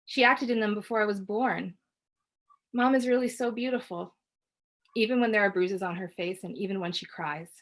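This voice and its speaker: A woman reading literary fiction aloud in a measured, quiet way. She narrates steadily in the first person, keeping her delivery even and unhurried. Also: medium pitch. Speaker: author reading at a book launch.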